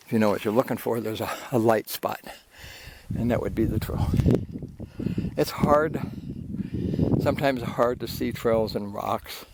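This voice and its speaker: An older man talking casually while hiking a canyon trail, out of breath, rambling easily with fillers into his handheld camera. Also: mid-range voice. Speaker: hiking vlogger. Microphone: handheld camera while walking. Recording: loud outdoor noise.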